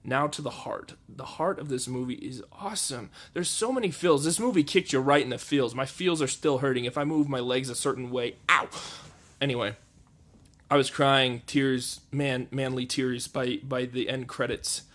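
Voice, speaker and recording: A man's voice: medium pitch, normal speed, fairly bright tone. A man in his twenties giving a joking, sarcastic movie review. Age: 20s.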